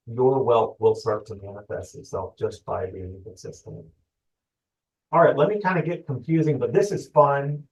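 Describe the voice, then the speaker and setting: A man giving a live financial webinar, talking fast and upbeat and asking himself his listeners' questions. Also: mid-range voice, a little mellow, recorded from a distance. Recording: dull, lo-fi webinar audio from off-mic.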